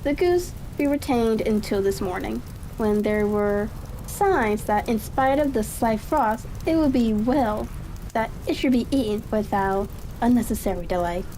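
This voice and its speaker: Reading a little slowly, an audiobook narrator with a high, mellow voice gently tells a calm ASMR story. Her voice is accompanied by steady crackling that sounds like rain, plus fireplace crackle and ambient noise.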